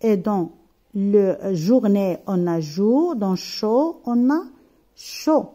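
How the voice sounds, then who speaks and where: Slow, mellow-voiced woman teaching phonics. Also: medium pitch, lively intonation. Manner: spells out sounds and syllables, repeats with checks. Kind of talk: slow, careful phonics lesson.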